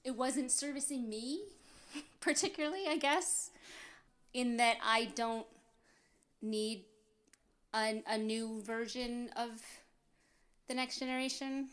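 Giggly woman podcast co-host, high voice. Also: slow pace, pauses often, fairly bright tone. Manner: laughs often, hesitant restarts, trailing off. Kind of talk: casual chat.

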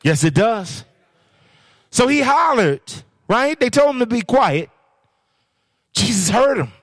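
High-voiced man preaching with call-and-response. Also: very animated, a little slow, no echo, studio quality. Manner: call-and-response preaching, sing-song rises. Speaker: guest preacher. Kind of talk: sermon.

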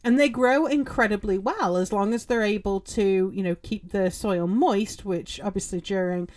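A woman's voice: mid-range voice, moderate pace, darkish tone. A woman hosting a gardening podcast, talking casually in a chatty, rambling way with lots of ums and you-knows. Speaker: podcast host. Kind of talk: casual solo podcast talk.

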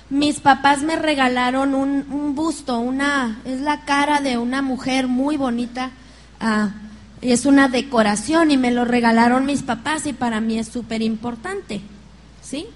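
A middle-aged woman with a Mexican accent preaching a sermon, telling stories in a lively way and often laughing with her congregation. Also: sits high.

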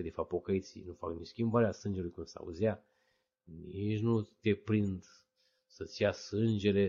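A Romanian man telling his own conversion story as a testimony, acting out the voices of friends and others with sudden high, loud bursts. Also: slightly rough. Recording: dull lo-fi recording.

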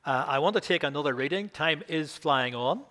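An older minister from Belfast with a Northern Irish accent preaches in a slightly high, expressive voice that is pushed, bright, and fairly quick. He reads scripture with rising emphasis and tells anecdotes sprinkled with chuckling asides.

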